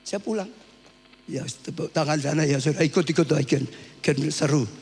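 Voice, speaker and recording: A man preaching a sermon in church with speech. He tells his story with animation, shouting at the high points and dropping to soft asides. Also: normal speed. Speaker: pastor. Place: church hall. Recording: hum from a live church stream with long hall reverb.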